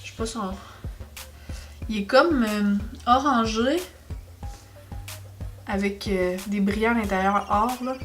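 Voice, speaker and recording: A young woman with a Québécois French accent, chatting excitedly through a makeup haul in a casual vlog. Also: medium pitch, unhurried, long pauses, faint music behind. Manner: chatty, excitable, exclaims over products. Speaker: beauty vlogger.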